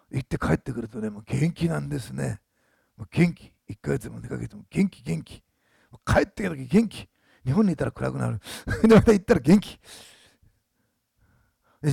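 A man's voice: medium pitch, creaky, warm tone, slightly rough, dry recording, studio quality. A man in his sixties, a pastor telling a story in a sermon, chatty, often adding tag words. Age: 60s. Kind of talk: sermon testimony.

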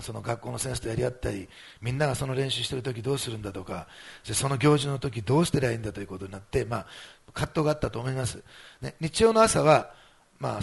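A man's voice: medium pitch, creaky, husky. A man preaching a sermon as pastor, in a conversational way with many small fillers.

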